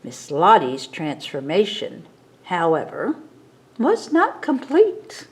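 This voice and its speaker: A woman reading a picture book aloud to children as a storytime reader, in a dramatic, expressive manner. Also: lowish voice, slow pace.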